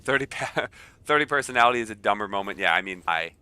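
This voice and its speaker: A man's voice: on the low side, expressive, fast talker, sharp tone, a little hiss or hum. A man streaming a video game in casual chat, nasal and a bit stuffy from a cold, joking and reacting aloud as he plays.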